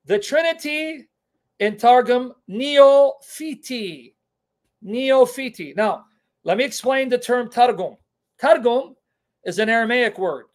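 In an extremely high voice and at a slow pace, a middle-aged man whose first language is Syriac teaches online apologetics live from his home kitchen. Facing his webcam, he speaks emphatically and repeats important terms.

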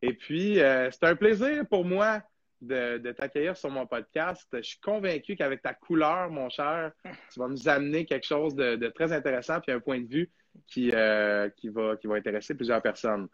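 A man's voice: medium pitch, moderate pace, no room sound, dull audio. Chatty Québécois man hosting a podcast. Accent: Québécois French. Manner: chatty, rambling, hesitant with many fillers. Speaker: podcast host. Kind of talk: casual live podcast chat.

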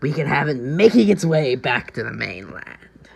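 A woman voicing a manic, taunting male comic-book villain clown, theatrical and raspy, with drawn-out, swooping delivery. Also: a bass voice, sing-song, slight background noise, pitched below the performer's own voice, heavily acted. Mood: gleeful taunting. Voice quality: raspy, strained. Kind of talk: amateur audition reading of video game villain lines.

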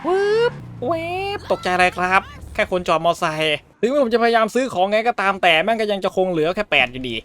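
A man's voice: sits high, animated, quick pace, few pauses, a bit bright, clear, resonant tone. A man giving crude, joking let's-play commentary, swearing freely and dubbing the game's dialogue in his own voice. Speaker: gaming YouTuber.

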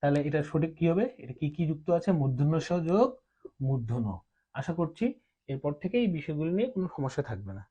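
A man teaching a class, explaining step by step with patient pauses and hesitations. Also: a little high, expressive, mellow, breathy edge. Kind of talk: explaining at a board. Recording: dull lo-fi recording.

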